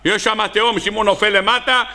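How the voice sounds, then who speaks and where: High gravelly rabbi with an Israeli accent. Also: male voice, fairly even intonation, sharp tone. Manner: storytelling, acting out characters with sudden high cries. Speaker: rabbi preaching. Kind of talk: Hebrew sermon with acted parables.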